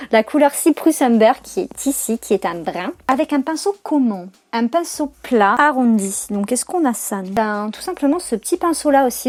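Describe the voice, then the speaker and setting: A woman's voice: a little high, darkish tone. A young woman chatting casually through a makeup tutorial, slangy and full of fillers and self-corrections. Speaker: beauty vlogger.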